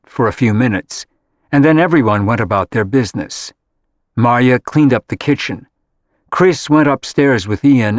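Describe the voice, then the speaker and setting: A man narrating an audiobook in a steady, measured reading. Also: medium pitch, no echo, studio quality. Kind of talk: scripted narration.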